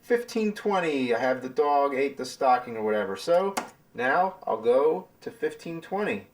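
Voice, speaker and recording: A man's voice: mid-range voice, normal speed. A rambling, laid-back man explaining his editing. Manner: loose and rambling, full of fillers. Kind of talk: casual behind-the-scenes explanation.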